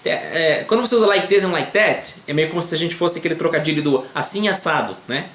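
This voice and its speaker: A man with a Brazilian Portuguese accent teaching English grammar to beginners. He checks in often with quick tag questions and slows down to model pronunciation. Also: fairly high pitch, animated, fairly bright tone, reverberant, a little hiss or hum.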